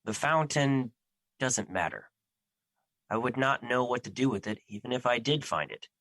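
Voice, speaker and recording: An actor in an audio drama playing Fear personified, a solemn, protective immortal who speaks formally and earnestly, full of remorse. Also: male voice, medium pitch, expressive, normal speed, a bit bright, dry recording. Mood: sincere, gentle. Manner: formal, stilted, earnest phrasing without contractions.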